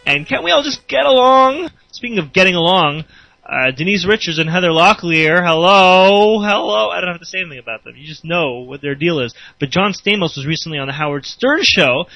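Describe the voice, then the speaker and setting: A man's voice: a little high, sharp tone, poor audio. A man hosting an entertainment news segment, delivering celebrity gossip in a chatty, wisecracking way with self-mocking asides. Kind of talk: joking celebrity gossip report.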